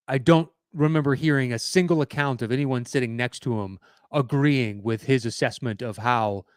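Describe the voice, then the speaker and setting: A podcast host with a medium-pitched voice gives opinionated solo commentary in a conversational style, full of fillers and restarts. The recording is dry and studio quality.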